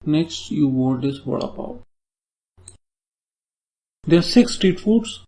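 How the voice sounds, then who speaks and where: A male programming tutor with an Indian English accent presents a screen-recorded coding tutorial slowly but in a very animated way. His voice is fairly high and mellow, and he explains each step while checking in with tag questions.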